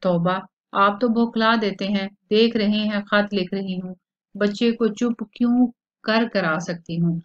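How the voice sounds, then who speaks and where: A woman's voice: mid-range voice, fairly even intonation, measured pace, close to an everyday voice. A woman reading the lines of a busy, impatient wife and mother in a stage play, in a scolding way. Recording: dull lo-fi recording.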